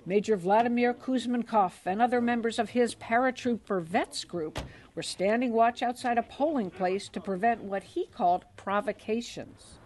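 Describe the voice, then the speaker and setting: A woman correspondent reading a scripted news report in a measured, even way. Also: on the high side. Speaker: foreign affairs correspondent.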